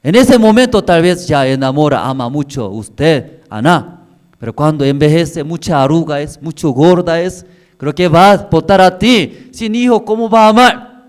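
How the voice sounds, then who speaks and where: A man's voice: fairly high pitch, lively intonation, moderate pace, pitched above the performer's own voice, natural voice. A male preacher voicing a jealous rival wife who taunts a childless woman in broken, sneering questions. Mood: mocking.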